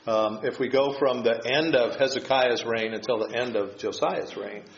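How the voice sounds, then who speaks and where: A man teaching an informal Bible class, explaining scripture and history in a halting, tentative way. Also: medium pitch, steady tone. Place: echoing room, teaching a class. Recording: echoey room, dull sound, faint noise.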